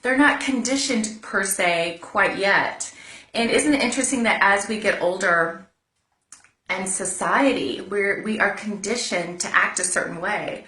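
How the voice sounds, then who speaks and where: A woman's voice: medium pitch, a little slow, sharp tone. A woman giving a casual motivational talk on a live stream, chatty and repeating herself as she goes. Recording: roomy echo.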